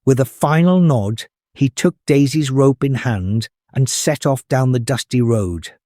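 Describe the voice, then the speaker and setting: A man reading a children's storybook aloud as a storyteller, in the expressive, measured manner of a fairy tale opening. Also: medium pitch, no echo, studio quality.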